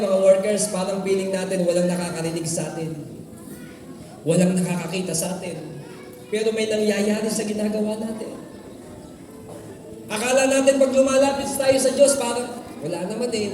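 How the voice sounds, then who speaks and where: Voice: mid-range voice, darkish tone, a little hiss or hum. A preacher from the Philippines delivering a sermon in a church, calling out to the congregation and mixing in English phrases. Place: large church hall. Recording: echoey hall, far from mic, with music.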